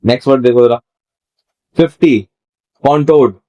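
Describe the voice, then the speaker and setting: A man's voice: medium pitch, moderate pace, warm tone, lo-fi sound. A young man teaching a casual vocabulary lesson, quizzing and teasing his student in a playful way.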